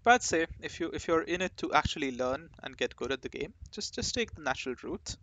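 A man's voice: a little high, lively intonation, a little fast, fairly bright tone, dull audio, slight background noise. Rambling male gaming host, full of fillers. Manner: rambling, hesitant, many fillers and restarts. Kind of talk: casual rambling talk to camera.

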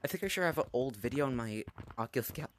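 A man's voice: mid-range voice, animated, fast talker, a little hiss or hum. A man giving casual, rambling commentary while playing a VR game, self-conscious and talking to himself through a headset mic. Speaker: gameplay vlogger.

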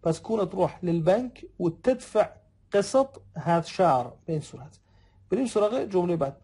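A man in his thirties teaching a recorded language lesson, patiently repeating example phrases slowly and often addressing his listeners as friends. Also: sits high, lively intonation, mellow, slightly rough. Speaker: Arabic dialect teacher.

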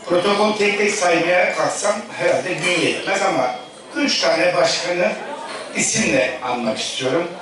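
Middle-aged male politician at a podium mic, high-set voice, rhetorical delivery, boomy distant hall sound. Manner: rhetorical, addressing the crowd with pauses between phrases. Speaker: politician giving a congress speech. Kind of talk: formal political speech to a party congress. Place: large echoey congress hall. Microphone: speaking at a podium microphone. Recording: echoey hall, distant mic, audible room noise.

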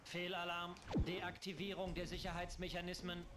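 A man voicing a stern robotic security system that gives flat, clipped alarm announcements in a video game. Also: sits high, moderate pace, background noise, close to an everyday voice.

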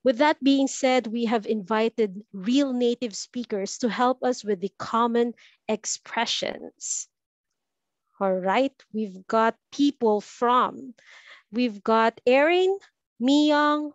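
Speaking slowly in a slightly high voice, a Filipino woman welcomes people to her online language webinar with an upbeat, scripted-sounding delivery. The video call sound is muffled, with no room sound.

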